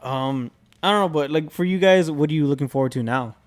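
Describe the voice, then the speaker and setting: A man's voice: fairly high pitch, fairly quick. A man chatting casually as a podcast co-host, reflective and loose, filling his talk with "like" and "you know".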